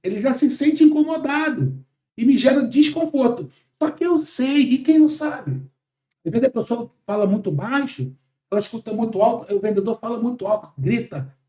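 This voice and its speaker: A man in his forties from Brazil, a sales trainer talking in a podcast conversation, animated and emphatic, lecturing. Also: very high voice, moderate pace, reverberant. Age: 40s.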